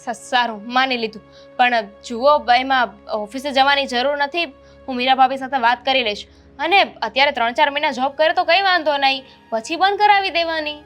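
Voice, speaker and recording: A young woman playing a polite neighbour who hesitates and reasons calmly with an older woman in a family drama. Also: high voice, moderate pace, faint music behind. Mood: reasoning. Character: young woman neighbour, friend of the daughter-in-law. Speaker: neighbour character. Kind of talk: amateur family drama acting.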